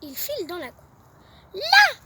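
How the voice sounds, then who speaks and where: A young woman reading a children's bedtime story aloud, with a lively read-aloud manner. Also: very high-pitched, measured pace, far from the mic, slight background noise.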